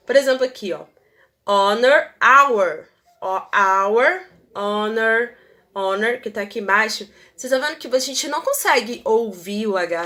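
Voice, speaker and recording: A woman's voice: a little high, bright, forceful tone. A woman whose first language is Portuguese, teaching English grammar and checking in with her students as she explains. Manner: slow, repeats English words for pronunciation; checks in with tag questions to students.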